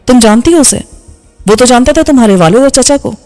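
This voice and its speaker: A woman's voice: sits high, animated, mellow. A woman voicing an angry, bitter young male engineer who speaks harshly in audiobook dialogue, over faint background music. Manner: harsh, scolding delivery.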